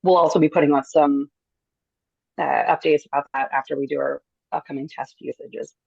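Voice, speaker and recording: A woman giving a businesslike meeting update over a video call, with a spotty, breaking-up connection and frequent "um" pauses. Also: sits low, steady tone, vocal fry, breathy edge, no room sound. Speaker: conservation district staff giving an update. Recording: dry, muffled video call audio.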